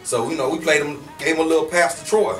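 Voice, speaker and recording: The audio is poor: a guest rapper from Houston, Texas, sits far from the mic in an echoey room with faint music behind him. His voice is fairly high and a bit bright, and he talks quickly. His manner is laid-back and slangy, packed with fillers.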